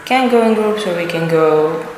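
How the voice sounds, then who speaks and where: A woman's voice: fairly low pitch, moderate pace, a little hiss or hum, poor audio. A woman in her twenties from Serbia with a Serbian accent, answering conversationally as an interview guest. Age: 20s. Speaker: interview guest, youth exchange participant.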